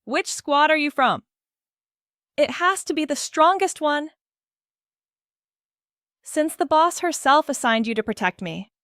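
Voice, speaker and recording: A woman voicing a bold, impulsive teenage girl who shouts her lines. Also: sits high, animated, unhurried, pauses often, no room sound, studio quality, pitched above the performer's own voice. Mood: cheeky.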